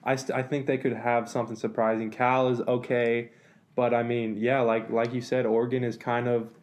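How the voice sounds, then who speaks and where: A man's voice: medium pitch, normal speed. Casual man talking college football. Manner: relaxed, analytical, many fillers and restarts. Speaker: sports podcast co-host. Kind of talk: casual sports talk.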